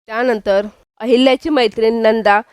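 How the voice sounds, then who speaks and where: A woman's voice: on the high side, fairly even intonation, moderate pace, darkish tone, clear, resonant tone, no echo. A woman narrating a scripted recap of a TV drama, reading the characters' lines herself. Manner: reads quoted dialogue in her own voice.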